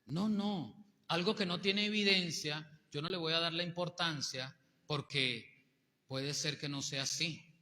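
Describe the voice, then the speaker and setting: A male pastor, preaching a sermon with animated rhetorical questions to the congregation. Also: on the high side, a little slow. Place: church hall. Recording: long hall reverb.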